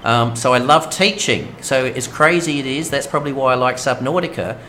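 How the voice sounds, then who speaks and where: Brief: Aussie male streamer, talkative with lots of fillers, mid pitch, noisy mic audio. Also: fairly quick, sharp tone. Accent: Australian. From Australia. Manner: chatty, rambling, many fillers. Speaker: game streamer. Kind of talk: casual let's-play commentary.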